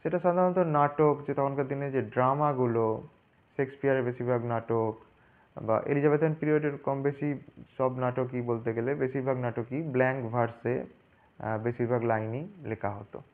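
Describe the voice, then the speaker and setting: A man's voice: mid-range voice, fairly even intonation, moderate pace. A man tutor explaining a literary topic in speech, thinking aloud with frequent fillers and restarts. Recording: phone-like narrowband sound.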